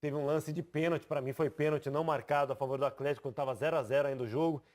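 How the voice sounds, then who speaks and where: Lively man presenting sports analysis. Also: fairly high pitch, rapid-fire. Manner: explanatory, lively, points at on-screen graphics. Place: TV studio.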